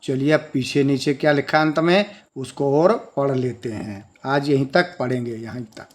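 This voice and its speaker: A man's voice: medium pitch, fairly even intonation, moderate pace. A man teaching a children's language lesson, patiently breaking words into sounds and spelling them out step by step.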